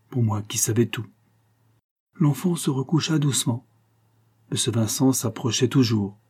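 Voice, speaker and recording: A man narrating a 19th-century tale in a dramatic, expressive reading. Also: medium pitch, slightly rough.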